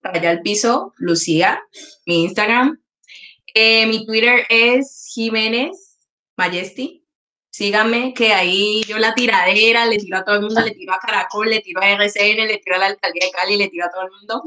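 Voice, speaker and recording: A woman, a guest on a podcast, chatting in a bubbly, giggly way and talking loudly by her own account. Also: mid-range voice, normal speed. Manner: bubbly, self-admittedly loud, giggly. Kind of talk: casual chat.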